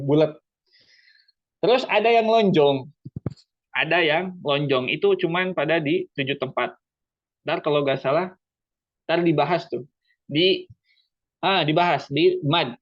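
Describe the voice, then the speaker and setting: A man teaching Quran recitation in an online lesson, explaining patiently, repeating himself and slowly chanting Arabic examples. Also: a little high, dull audio.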